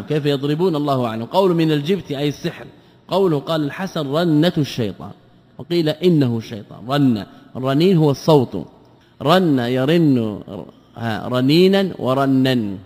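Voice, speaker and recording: Man giving a rapid scholarly lesson, keeps asking and answering his own questions, fairly high voice, long echo. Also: a little mellow. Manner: explains by asking rhetorical questions and answering himself. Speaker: Islamic scholar teaching a text. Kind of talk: classical Arabic lecture. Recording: long hall reverb.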